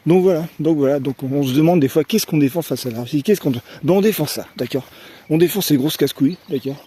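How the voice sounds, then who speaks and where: A man's voice: fairly high pitch, quick pace, mellow, breathy edge. A man from France talking in a casual opinion monologue as a vlogger, rambling on fillers and tag questions and repeating words as he searches for phrasing.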